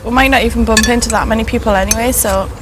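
A woman's voice: a little high, fairly even intonation, rapid-fire, background noise. A woman with a British accent chatting casually at a dining table as a reality show contestant. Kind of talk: casual chat. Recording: clattering cutlery and dishes behind.

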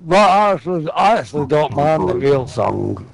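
A man's voice: a little high, very animated, normal speed, vocal fry. A man chatting over a headset as a teammate in a game, laid back and sweary. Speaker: gaming teammate. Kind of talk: casual gaming party chat.

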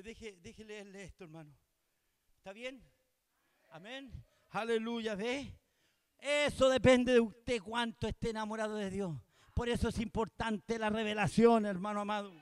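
A pastor preaching a sermon, shifting between shouted proclamations and hushed asides, repeating phrases for emphasis. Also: male voice, high voice, measured pace, long pauses, smooth, dry recording. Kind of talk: Pentecostal-style sermon.

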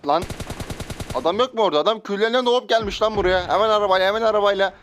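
A man with a high-pitched voice commentates his own gameplay, taunting opponents and chatting to his viewers. Faint gunfire and clicks sit under his voice. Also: very fast, a bit bright, a little hiss or hum. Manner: taunts enemies and chats to viewers. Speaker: gaming YouTuber.

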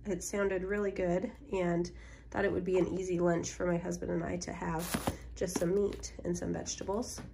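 There's background noise as a woman in her thirties talks at normal speed, her fairly low voice flat and creaky and still strained from a cold. She's vlogging a grocery haul in her farmhouse kitchen, the phone camera at arm's length, and her manner is chatty, homey and upbeat, with many ums.

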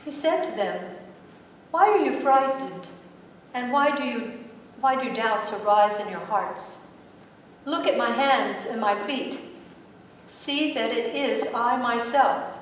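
A woman giving the scripture reading in a slow, measured way in a large church sanctuary. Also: a little high, slight background noise. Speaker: scripture reader. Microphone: distant room mic. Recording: echoey sanctuary from far off.

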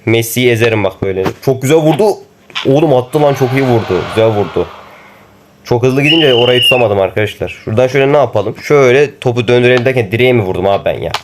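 A young man commenting on a mobile football game he plays, excitable and teasing his opponents as he talks to viewers. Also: mid-range voice, fast, background noise. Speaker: gaming YouTuber.

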